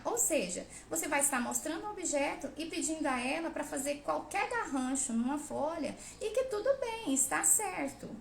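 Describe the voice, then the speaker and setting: A woman's voice: sits high, vocal fry, slight background noise. A woman who is a parent hosts a live Q&A about literacy, talking bluntly and emphatically, scolding and acting out the people she quotes. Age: adult parent. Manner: acts out quoted voices. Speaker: host of a parenting and literacy channel. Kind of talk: live Q&A talk. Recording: roomy echo with faint ambience.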